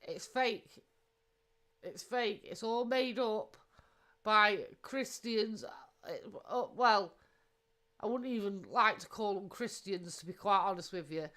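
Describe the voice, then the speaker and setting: A woman's voice: medium pitch, slow pace, sharp tone. A woman co-hosting a livestream, chipping in with blunt, sweary, mocking remarks and greeting viewers. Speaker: livestream co-host. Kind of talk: casual livestream banter.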